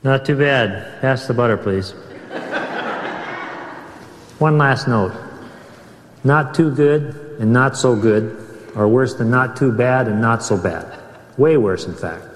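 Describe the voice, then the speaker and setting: Male narrator, mid pitch, dry deadpan comic instruction, heard over speakers in a reverberant room. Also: takes it slowly, pauses often, slight background noise. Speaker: narrator of humorous audio recording. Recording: recording played through speakers in echoey church.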